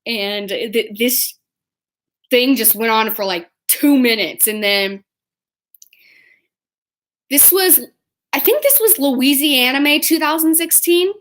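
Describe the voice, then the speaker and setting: A young woman vlogs from home about anime conventions, chatty and excitable, jumping between voices as she retells what people said. Her voice sits on the high side and she talks at an unhurried pace. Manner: chatty, excitable, acts out quotes in different voices. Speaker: vlogger. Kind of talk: casual storytelling vlog.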